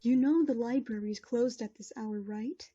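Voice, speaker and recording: A woman plays a kind, motherly pony princess with a mellow, soft-edged voice that sits a little high. She speaks calmly and patiently. The recording sounds slightly dull and lo-fi, with faint music underneath. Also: normal speed, lightly acted.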